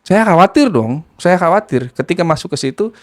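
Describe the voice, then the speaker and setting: A man recounts a frightening story in a casual, lively way. He slips into the other people's voices and makes the sound effects himself. His voice sits a bit high for a man. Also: brisk.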